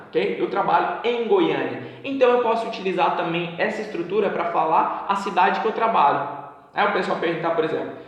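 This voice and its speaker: Man from Brazil, English teacher, slightly high voice, patient repeated examples, very echoey room with long reverb. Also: lo-fi sound. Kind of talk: casual online English lesson.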